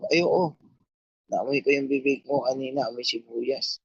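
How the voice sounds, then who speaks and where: A man's voice: mid-range voice, moderate pace, vocal fry, highs cut off, slight background noise. A man telling a long, rambling, profane story in a casual chat, quoting himself and others.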